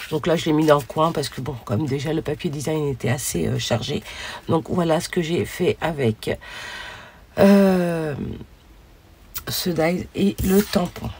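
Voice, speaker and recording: A hoarse woman hosting a casual crafting video, chatting along with many fillers as she shows her pieces. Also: deep voice, a little mellow.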